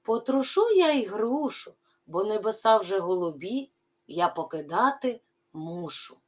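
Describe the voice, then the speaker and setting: A woman voicing Uncle Thunder, a kindly storm spirit in a children's poem, speaking with calm resolve. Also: mid-range voice, measured pace. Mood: resolved.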